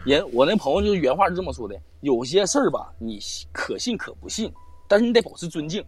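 A man's voice: on the high side, fast, breathy edge, soft background music. A man telling a ghost story in casual chat, swearing and acting out quoted lines. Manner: swearing, animated retelling with quoted dialogue. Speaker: storyteller guest on a live-stream show.

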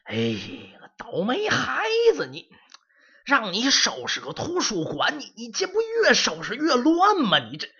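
A man's voice: wildly swooping pitch, a little slow, bright, forceful tone, slightly rough, heavily acted. A man doing a fussy old caretaker scolding. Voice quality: high strained scolding voice. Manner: exasperated, stammering, sighing. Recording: dull lo-fi audio.

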